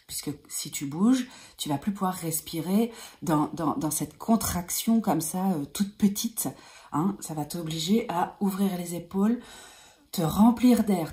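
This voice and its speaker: A woman energy healer talking to her viewers in a gentle, soothing way, repeating calming phrases like a mantra, with frequent hesitations and at times a soft whisper. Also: fairly low pitch. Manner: hesitant, many fillers and restarts. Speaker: energy healer giving advice. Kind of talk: advice vlog talking to viewers.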